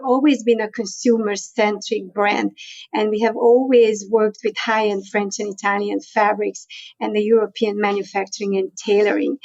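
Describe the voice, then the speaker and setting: Chatty and laughing often, a middle-aged woman from Hungary recounts her story in an interview, peppering it with "you know" and many asides in her Hungarian accent. The recording cuts off the highs and has no room sound, leaving her mid-range voice a little mellow.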